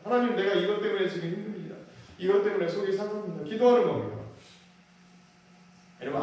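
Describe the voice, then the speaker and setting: A man's voice: fairly high pitch, darkish tone. A middle-aged male pastor preaching a sermon, telling a childhood story and asking the congregation rhetorical questions. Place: church sanctuary. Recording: very echoey church hall from a distance, faint noise.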